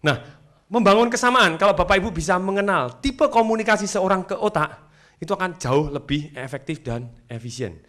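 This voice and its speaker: A man giving a seminar talk to an audience, animated and acting out angry customers with loud outbursts. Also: high voice, a little fast. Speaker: motivational speaker.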